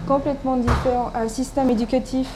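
This native Turkish speaker, a doctoral student in her thirties, sits high in pitch and speaks a little fast with a flat delivery. She responds to the interviewer loosely and haltingly, often using fillers and starting over, with noise audible behind her.

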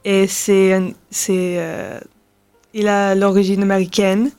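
A seventeen-year-old girl from England speaking halting, hesitant French with an English accent and many fillers, as a radio interview guest. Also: medium pitch, little pitch movement, dark tone, clear, resonant tone, soft background music. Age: teens.

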